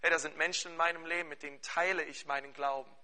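Guy pastor preaching, high and super bright voice, keeps asking the crowd stuff. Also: fast talker. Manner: animated preaching with questions to the congregation; fervent spoken prayer. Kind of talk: sermon.

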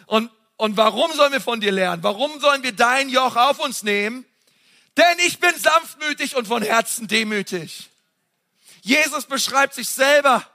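A man preaching a sermon, passionate and emphatic, talking straight to his listeners in a casual way and swinging between loud and soft. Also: extremely high pitch, lively intonation, normal speed. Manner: casual, direct address to the audience.

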